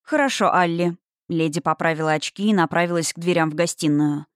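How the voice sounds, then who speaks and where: A woman narrating a romantic fantasy audiobook in an expressive storytelling manner. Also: sits low, fast talker, no room sound, clean studio sound.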